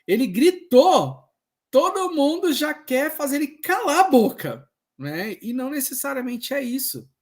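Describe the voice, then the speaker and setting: A man's voice: extremely high pitch, unhurried. A man with a Brazilian accent, a social worker at a health unit, telling work anecdotes at an open class and acting out the voices he quotes. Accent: Brazilian Portuguese. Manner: animated storytelling, acts out quoted voices.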